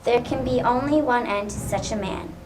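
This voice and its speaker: Woman narrator, slightly high voice, storytelling, loud music behind. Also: normal speed, poor audio.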